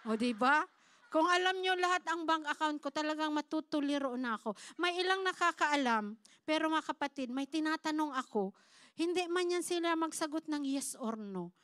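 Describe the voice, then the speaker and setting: A woman with a high, animated, slightly bright voice preaches at a moderate pace, with no echo in the recording. Her church sermon is a personal testimony in Tagalog with English woven in. She frequently calls the congregation "mga kapatid" and dramatizes quoted dialogue.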